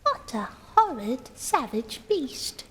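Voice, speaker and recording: Tiny, timid little piglets, as a woman whispers them in a whispered role-play, squeaky and indignant. The pitch jumps well above the reader's own and swings widely. The voice stays breathy and husky. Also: very animated, unhurried, exaggerated voice.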